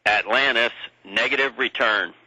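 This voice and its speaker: A man's voice: mid-range voice, normal speed, breathy edge. A man in mission control giving short, businesslike radio calls to a spacecraft crew over a crackly link. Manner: clipped, businesslike. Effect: crackly space-to-ground radio. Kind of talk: terse radio callouts. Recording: distant lo-fi radio over loud hiss.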